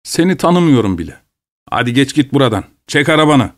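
A man's voice: mid-range voice, very animated, brisk, lightly acted. A man doing a cheeky, stubborn peasant. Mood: defiant. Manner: defiant, mocking.

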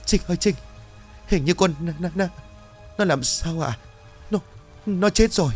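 A man's voice: fairly low pitch, very animated, normal speed, faint music behind. A man voicing a frightened elderly village woman who stammers in panic. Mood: panicked.

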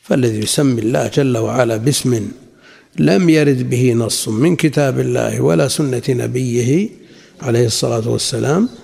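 A man teaching a religious lesson, reading quotations from classical sources and then explaining them in a measured way. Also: medium pitch, vocal fry, a little mellow, breathy edge. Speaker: Islamic scholar teaching a lesson. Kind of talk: lecture explaining a classical text. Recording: long hall reverb.

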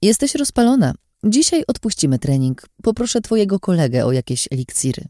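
A woman voicing a caring young woman who speaks higher and briskly, kind and practical. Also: big pitch swings, warm tone, dry recording, clean studio sound, lightly acted.

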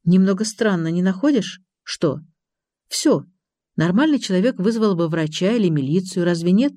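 A blunt, impatient young woman, as an audiobook reader puts her on, firing off sharp questions. Her voice has a mellow, dark tone. It is recorded dry and close. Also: mid-range voice, expressive, moderate pace, dry recording, close to an everyday voice. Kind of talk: audiobook character reading.

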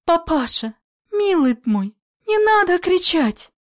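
A woman voicing a desperate young daughter who pleads in shrill cries, in a play reading. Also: very animated, takes it slowly, heavily acted. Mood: pleading.

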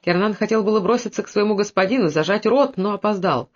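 A man reading a historical novel aloud in steady storytelling narration, dropping his voice lower for the characters' lines. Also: quick pace, dull audio. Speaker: audiobook narrator. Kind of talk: scripted narration.

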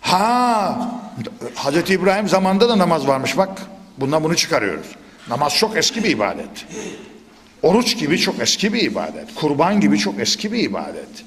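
Animated preacher at a pulpit mic. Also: male voice, brisk. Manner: animated, with sudden high emphatic bursts and asides to listeners. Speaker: preacher teaching Quran commentary. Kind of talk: commentary lesson from a pulpit. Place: at a pulpit in a large reverberant hall. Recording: long hall reverb.

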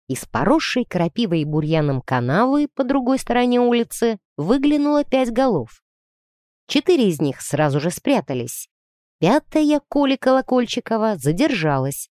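A woman narrating a children's story aloud with expressive storytelling. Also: a little high, no room sound, clean studio sound. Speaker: audiobook narrator. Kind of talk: scripted narration.

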